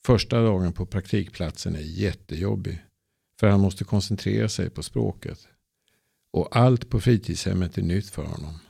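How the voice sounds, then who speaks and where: Male narrator, low gravelly husky voice, dark tone, dry close sound. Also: no room sound. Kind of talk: easy-Swedish storybook reading.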